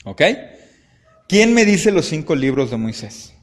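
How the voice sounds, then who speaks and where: A man's voice: fairly high pitch, big pitch swings, a little slow. A man teaching an interactive Bible study class, often quizzing his students and checking in with "¿ok?". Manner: asks the class frequent questions, ends points with "¿ok?".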